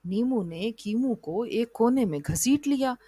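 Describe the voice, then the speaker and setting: A woman narrating a children's moral story in an even storybook reading style. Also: fairly high pitch, unhurried, breathy edge, no echo.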